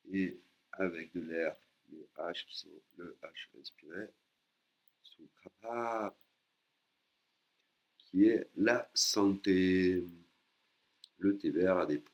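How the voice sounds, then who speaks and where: A man teaching a language lesson, patiently explaining and repeating words slowly for learners. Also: sits low, a little mellow, muffled recording.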